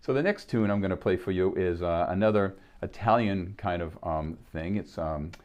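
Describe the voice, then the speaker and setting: A man's voice: deep voice, moderate pace, darkish tone, dull audio. A man in his sixties with a Boston accent, hosting a solo piano live stream and chatting casually between tunes, rambling with many fillers and restarts.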